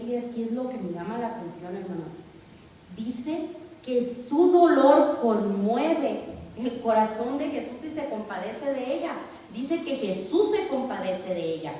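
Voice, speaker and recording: A woman's voice: mid-range voice, warm tone, slight background noise. A woman preacher giving a sermon, calling her listeners sisters and acting out Jesus' words. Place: church hall. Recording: echoey hall recorded from far off.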